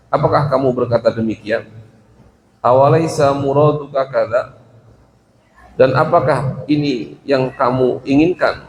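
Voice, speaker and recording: A man's voice: medium pitch, slight background noise. A man teaching a religious lesson, reading Arabic phrases from a classical text, explaining them and acting out small dialogues. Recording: roomy with faint ambience.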